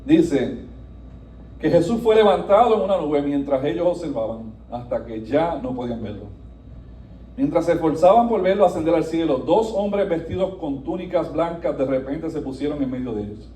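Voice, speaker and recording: A pastor with a high, mellow voice delivers an animated sermon at normal speed, swinging widely from quiet, soft passages up to emphatic peaks. He is heard from a distance in an echoey church sanctuary, with slight background noise.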